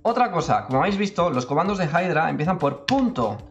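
A man's voice: fairly high pitch, sing-song, fast talker. Chatty man with faint music. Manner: chatty, self-interrupting, many "¿vale?". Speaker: tutorial youtuber. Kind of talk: casual screen-recorded tutorial.

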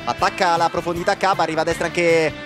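Animated young man, high-pitched football commentary. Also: fast, music in the background. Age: young adult. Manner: animated, raised voice. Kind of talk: excited live football commentary. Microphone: headset microphone.

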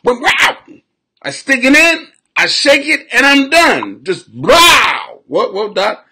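A man in his forties ranting loudly on a live stream from a small room at home, recorded by a webcam at his desk, crude, laughing, swinging from shouting to mumbling. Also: very high-pitched, very animated, slow, husky. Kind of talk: rambling live-stream comedy rant.

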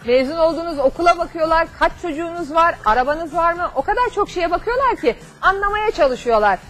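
A high-voiced woman hosts a live call-in TV show from a studio desk, giving callers financial advice conversationally in a helpful, customer-service manner. She is animated and quick, with a fairly bright tone, explaining with everyday examples and lists. She wears a lapel mic.

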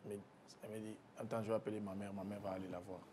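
Soft-spoken man telling a hard story. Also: little pitch movement, background noise. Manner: soft-spoken, halting with restarts, low when recalling grief. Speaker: guest. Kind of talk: personal storytelling in interview.

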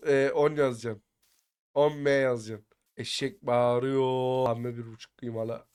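A man chatting with teammates over voice chat while playing a survival game, slangy and excitable, sometimes muttering quietly and sometimes breaking into shouts. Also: mid-range voice. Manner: excitable, slangy, bursts into shouting when attacked; often mutters quiet asides. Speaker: gaming YouTuber. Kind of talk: casual gameplay chat with teammates.

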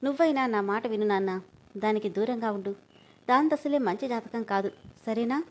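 A woman's voice: on the high side, moderate pace, a little mellow, lightly acted. A woman voicing a spiteful, scheming old grandmother who speaks with bitter scorn. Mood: scornful.

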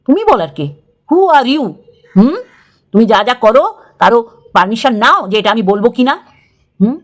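A middle-aged woman delivers a confrontational video rant to camera. Her voice sits a little high. She scolds and lectures, hammering the same lines again and again. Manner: scolding, confrontational, repeats phrases. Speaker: YouTube creator.

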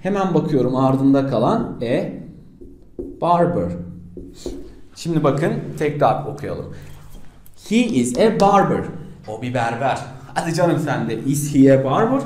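A man teaching English with jokes and mocking asides, lively and teasing. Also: medium pitch, unhurried, long pauses. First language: Turkish. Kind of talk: comedic lesson rant.

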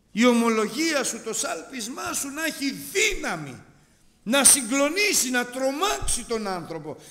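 A middle-aged man preaches a fervent sermon in a high voice that leaps all over the scale. The sound carries a long hall reverb behind him. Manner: impassioned, swings between shouting and quiet asides.

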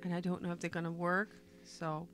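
A woman co-hosting a casual reaction video with her son, chatty and earnest, often pausing on fillers. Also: lowish voice, completely flat delivery, over music. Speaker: co-host, the host's mother.

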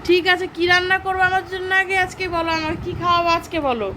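A woman's voice: extremely high pitch, level tone, racing, noisy background. A woman chatting playfully with a small child as a playmate, coaxing and repeating her questions. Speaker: adult playmate hosting a child's video.

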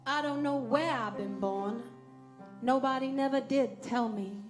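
An actress playing a former female slave who recites her story in a slow, plain way, heard from a distance on stage. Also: sits high, faint music behind. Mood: plaintive.

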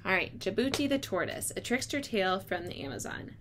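A woman's voice: mid-range voice, animated, a little fast, a bit bright. A young adult woman, a teacher, explaining and reading a picture book aloud to children in a small room. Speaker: elementary school teacher. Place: small indoor room with block walls. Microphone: device microphone at arm's length. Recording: clear room noise, device microphone.

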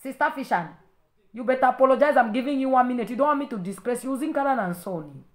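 A woman's voice: high voice, lively intonation, fast. Fiery woman preacher scolding, roomy echo. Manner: repeats and stumbles in heated bursts. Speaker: preacher and ministry leader. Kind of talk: livestream preaching rebuke to commenters.

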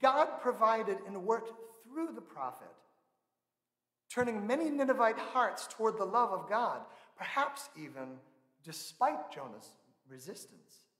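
A man in his thirties preaching a sermon from a church pulpit, measured and earnest, leaning on slow emphatic stresses. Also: sits high, sing-song, a bit bright. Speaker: pastor. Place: large church sanctuary, indoors. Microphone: pulpit microphone. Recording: echoey church with long reverb.

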